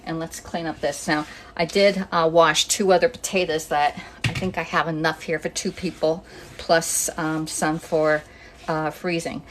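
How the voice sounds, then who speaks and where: Streaming live from her home kitchen on a phone camera, this Northeast Pennsylvania cooking host speaks at a measured pace in a low, level voice. She greets viewers by name and chats casually, a bit out of breath, with a little hiss or hum behind her.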